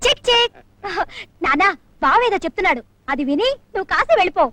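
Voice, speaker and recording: A woman's voice: very high-pitched, expressive, quick pace, sharp tone, no echo, heavily acted. A woman playing a flighty young daughter in an old film comedy, giggly and mixing in English words. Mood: teasing. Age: young adult. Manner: giggly, mixes English words, repeats a pet phrase. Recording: dry old film soundtrack with music.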